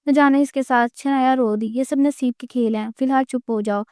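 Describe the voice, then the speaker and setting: A woman voicing a stern middle-aged aunt in a family story, strict and hushing. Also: high voice, steady tone, no room sound, clean studio sound, close to an everyday voice.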